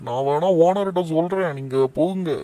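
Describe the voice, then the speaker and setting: A performer voicing a kindly shop worker who gently reassures a customer in a fan game dub. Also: medium pitch, normal speed, close to an everyday voice.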